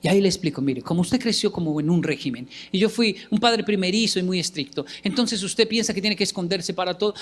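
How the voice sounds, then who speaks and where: Animated man telling family stories. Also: high-pitched. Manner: animated, acts out his sons' voices. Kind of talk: storytelling talk to an audience.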